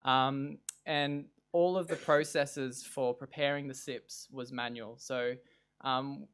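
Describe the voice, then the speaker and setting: A man presenting an informal lightning talk, explaining things in a halting way with small self-corrections. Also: mid-range voice, steady tone, a bit bright, clear, resonant tone. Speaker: presenter, digital preservation specialist.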